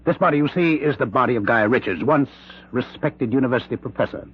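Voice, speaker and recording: In an old-time radio drama, a male actor with a husky, medium-pitched voice plays a condemned professor who insists a killer spirit possesses him. His delivery is halting, intense, theatrical, and menacing, on a dull, band-limited recording.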